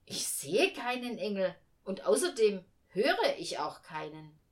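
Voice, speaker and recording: Lady doing a stern busy mom, kinda irritated, slow. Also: medium pitch, a bit bright, close to an everyday voice. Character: impatient busy mother of a girl.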